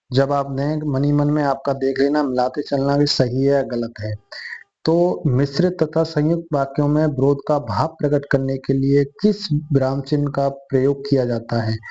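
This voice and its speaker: A man's voice: medium pitch, warm tone, muffled recording. A man teaching an online quiz lesson, addressing viewers as friends and repeating each answer.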